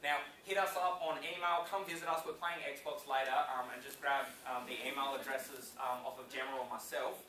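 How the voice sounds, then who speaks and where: A young man in his twenties giving an energetic motivational conference talk, constantly checking in with the crowd with "okay?" and "yeah?". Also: medium pitch, brisk, hardly any pauses. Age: 20s. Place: conference room before an audience. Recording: echoey room, mic at a distance.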